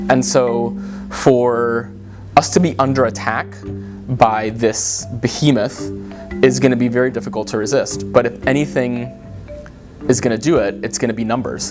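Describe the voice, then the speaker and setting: A man from the Dominican Republic answers interview questions. He speaks earnestly and thoughtfully, in short, halting phrases, with a voice of ordinary pitch. Clear guitar music plays underneath his voice. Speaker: community advocate. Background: soft guitar music.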